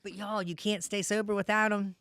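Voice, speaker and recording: A woman's voice: medium pitch, flat delivery, a little fast, a bit bright, clear, resonant tone, no echo, clean studio sound. A woman, talking earnestly and emotionally as a podcast guest. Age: 40s. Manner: earnest, emotional, often says "you know what I mean". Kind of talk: heartfelt interview talk.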